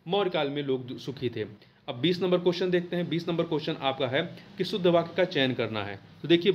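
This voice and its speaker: A man teaching an exam lesson, going through answers and spelling them out, repeating the key words and asking quick questions that he answers himself. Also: on the high side.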